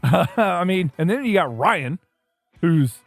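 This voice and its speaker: A man's voice: sits high, animated, measured pace, vocal fry, no echo, soft background music. A man co-hosting a casual beer podcast, laughing often and slipping into silly character voices. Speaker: podcast co-host. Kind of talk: casual chat.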